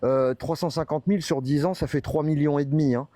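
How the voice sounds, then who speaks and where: A man's voice: fairly high pitch, steady tone, fairly quick, warm tone, no room sound. A man on a live debate panel, explaining his points hesitantly and in an analytical way. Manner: argues with figures and sources, many hesitations.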